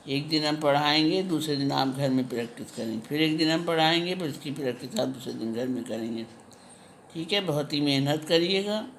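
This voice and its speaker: A woman's voice: deep voice, a little hiss or hum. Patient woman teacher in an echoey room. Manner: slow, patient syllable-by-syllable drilling. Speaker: kindergarten teacher. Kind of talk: online phonics lesson for small children.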